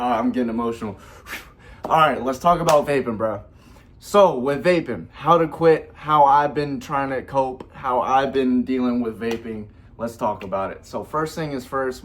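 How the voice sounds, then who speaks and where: A young man with a lowish voice talks straight to his phone camera in an earnest, rambling vlog. He leans on slang and fillers, circling back to his point. A faint hum of room noise sits under his voice. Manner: earnest, rambling, slangy, repeats "bro" and "you know". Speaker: vlogger. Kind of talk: casual heartfelt vlog talk.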